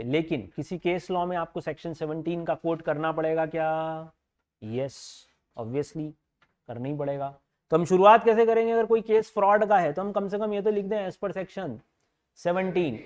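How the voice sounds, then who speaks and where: High-voiced Indian man teaching law. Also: darkish tone. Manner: slowly dictates English legal text, mixes Hindi and English; reads student comments aloud and answers them. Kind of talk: live online exam revision class.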